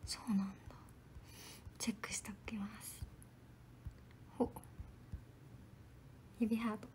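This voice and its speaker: A young woman, an idol trainee, chatting politely on a livestream and answering viewer comments, often dropping into soft whispered asides. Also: a little high, little pitch movement, takes it slowly.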